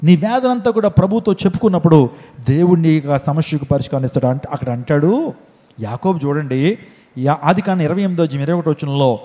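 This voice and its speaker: Male pastor, high mellow voice, sermon delivery full of rhetorical questions, echoing church hall. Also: fast. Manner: preaching with rhetorical questions, acting out cries.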